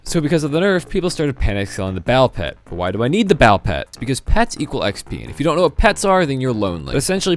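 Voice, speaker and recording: A young man talks through his gaming grind in a loose, self-mocking vlog voice. His pitch swings widely from phrase to phrase. Faint music plays softly behind him. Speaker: gaming YouTuber. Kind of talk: casual gaming vlog narration.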